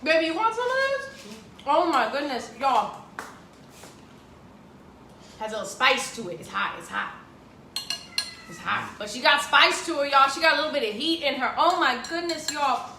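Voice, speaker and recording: A woman's voice: sits high, normal speed, pauses often, pushed and bright, echoey room, slight background noise. A woman hosting a live cooking class from her home kitchen, chatty and exuberant, calling her viewers y'all. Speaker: cooking show host.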